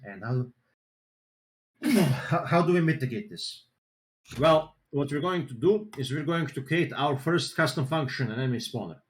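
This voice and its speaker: A man running a seminar over a group voice chat connection. He explains in a loose, rambling way, packed with "you know" and restarts. His mid-range voice comes through with a roomy echo. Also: mid-range voice. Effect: group voice chat audio. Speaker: seminar presenter.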